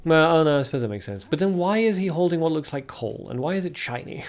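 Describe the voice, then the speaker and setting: Gravelly-voiced man streaming a card game. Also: a little high, animated, fast talker, faint music behind. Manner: chatty, reads card names aloud, answers chat. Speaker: livestream host. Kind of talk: casual card-game livestream chat.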